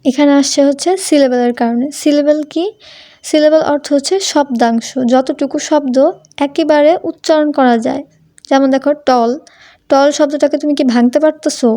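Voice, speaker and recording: A young woman gives a Bengali-language lesson on English grammar, speaking in a high, fairly even voice at a moderate pace with a warm tone. She poses questions to her students and answers them herself, addressing them informally as tumi.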